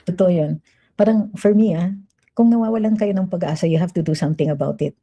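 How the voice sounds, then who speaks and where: A woman hosts livestream commentary, reading out viewer comments and answering them in an emphatic, chatty way. Her voice sits fairly low and sounds very dark and mellow. She mixes Tagalog and English freely. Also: a little fast.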